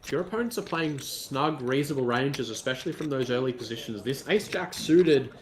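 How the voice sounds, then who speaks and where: A man's voice: medium pitch, animated, brisk, slight background noise, low-quality recording. A man giving conversational poker commentary, analysing play as he goes with casual exclamations.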